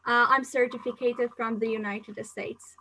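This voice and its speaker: Woman from Singapore, live-stream English exam tutor; chatty, filler-heavy delivery, bright and fairly high-pitched. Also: steady tone, normal speed, poor audio. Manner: chatty, reads viewer questions aloud and answers them; frequent fillers and restarts, non-native phrasing. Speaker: English teacher.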